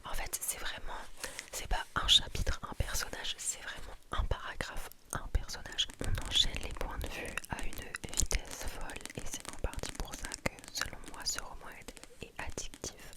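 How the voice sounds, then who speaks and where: A woman speaking in a soft, breathy library whisper, close to the microphone, as in an ASMR book recommendation. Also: moderate pace.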